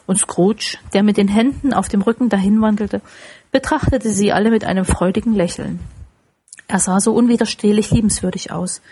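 Breathy woman narrating an audiobook. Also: medium pitch. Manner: lively expressive storytelling, drawn-out descriptive phrases. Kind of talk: audiobook reading of a classic tale.

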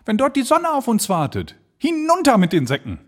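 A man voicing an excitable male balloonist, speaking in high, ecstatic exclamations. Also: moderate pace, heavily acted.

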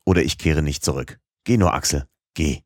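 A man reads a stubborn, obsessive old professor with a very deep, husky voice that presses every word hard. He sounds stern and driven, like an uncle in an adventure audiobook. The recording is dry and close. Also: moderate pace, no echo. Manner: hard, urgent insistence.

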